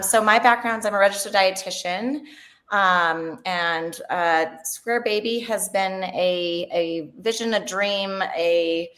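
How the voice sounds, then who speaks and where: On a webinar panel, a woman in her forties who founded a company and works as a registered dietitian speaks with earnest enthusiasm and plenty of fillers. Her voice sits on the low side with a bit of brightness.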